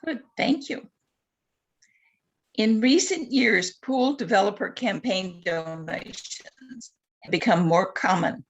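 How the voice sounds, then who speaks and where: A woman's voice: mid-range voice, takes it slowly, breathy edge. A woman interviewing a candidate at a virtual forum, politely reading out questions with a few hesitant asides. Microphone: video call.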